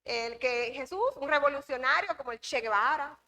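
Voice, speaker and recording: With a voice that sits high and sounds pushed and bright, a woman from the Dominican Republic teaches Bible class at church at normal speed. She is emphatic, repeats central phrases, and poses questions to her students.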